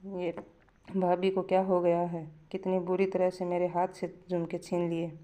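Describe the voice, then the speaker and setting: A woman's voice: lowish voice, monotone, normal speed, mellow, lightly acted. A woman voicing a pampered young married daughter who pleads and complains. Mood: pleading.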